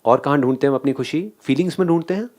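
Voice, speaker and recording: A man's voice: fairly high pitch, racing, a little mellow. A man giving a motivational talk to a live audience, often asking them questions and laughing along. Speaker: speaker addressing an audience.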